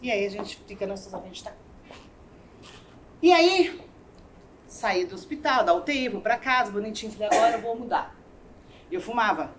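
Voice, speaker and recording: A woman's voice: medium pitch, a little fast, long pauses, slight background noise. A middle-aged woman giving a motivational talk, telling personal stories with acted-out dialogue and checking in with the audience. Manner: animated storyteller, acts out quoted dialogue; addresses audience with "né?" and "tá?". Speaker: speaker at a seminar. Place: event hall with audience.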